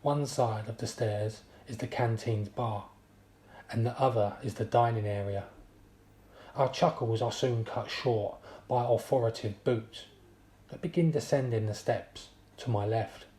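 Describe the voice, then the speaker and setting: Mellow-voiced man reading a story. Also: mid-range voice, unhurried. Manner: steady, descriptive storytelling. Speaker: narrator. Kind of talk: first-person story reading. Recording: roomy echo.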